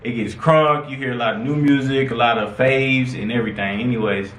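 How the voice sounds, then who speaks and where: A man's voice: medium pitch, fairly even intonation, a little fast, a bit bright. A young American man casually telling a story to friends in a laid-back, slangy way. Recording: echoey room, faint background noise.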